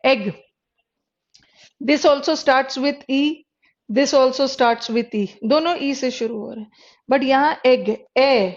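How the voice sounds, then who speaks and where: Female lecturer, high voice, drills pronunciation by spelling sounds out, dull recording. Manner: explains pronunciation by sounding out letters, switches between Hindi and English. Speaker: English teacher for exam prep. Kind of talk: classroom lecture.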